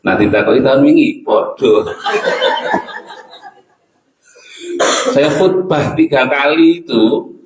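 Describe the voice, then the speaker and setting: A man's voice: medium pitch, expressive, normal speed, noisy background. A man preaching a sermon with a Javanese accent, earnest, putting questions to his listeners. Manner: earnest, mixing in local phrases, asks the audience questions. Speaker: Islamic preacher. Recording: echoey hall, mic at a distance.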